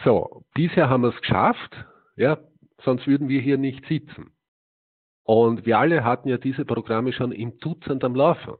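A man's voice: medium pitch, moderate pace. A man giving a live talk to a seated audience, emphatic, asking rhetorical questions and answering them himself, with frequent hesitations. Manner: sprinkles in "ja" and hesitant "äh". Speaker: lecturer. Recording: tinny, phone-like narrow sound.

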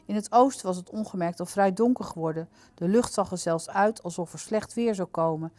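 A woman reading aloud from a children's book in a calm, clear, steady manner. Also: mid-range voice, a little fast, no echo. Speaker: storyteller.

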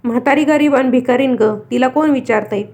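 A woman voicing an angry old beggar woman. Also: darkish tone. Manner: slow, coughing, low-voiced. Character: old woman goddess in disguise, stern and offended.

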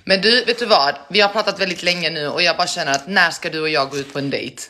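Woman, prank-call streamer, casual chat, self-mocking, laughs a lot, bright forceful tone. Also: lowish voice, slight background noise.

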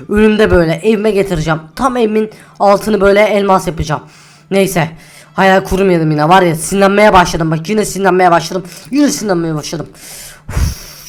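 A woman's voice: fairly low pitch, close to an everyday voice. A woman voicing a greedy, hot-tempered male diamond miner in a game role-play, who curses and grumbles and repeats himself over and over. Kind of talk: Minecraft role-play acting.

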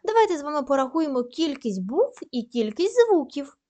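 A woman teaching a primary school class, dictating slowly and carefully and praising the pupils often. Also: sits high, big pitch swings, dark tone. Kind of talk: recorded lesson for young pupils.

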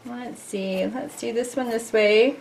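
A middle-aged woman talks through a loose sketch as she draws, chatty and playful with her viewers. Her voice sits a touch high. A faint hiss sits under the recording. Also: fairly even intonation, takes it slowly, gravelly, darkish tone. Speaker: art teacher. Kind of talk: casual drawing tutorial. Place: at a drawing desk indoors.

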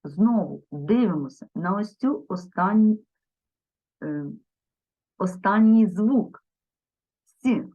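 A woman teaching a grammar lesson, spelling out word forms slowly and carefully and speaking directly to her viewers. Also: medium pitch, expressive. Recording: dull lo-fi sound.

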